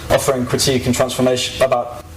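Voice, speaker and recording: Speaking at a podium on a live event stage, a 21-year-old activist delivers an informal, reflective talk with some hesitancy. His mid-range voice is monotone and fast; the poor recording has an echoey room and slight background noise.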